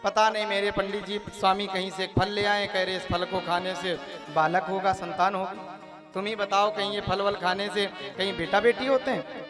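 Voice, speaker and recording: A man voicing a shrill scolding village wife. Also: level tone, normal speed, music in the background, natural voice. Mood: complaining. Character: sharp-tongued quarrelsome village wife.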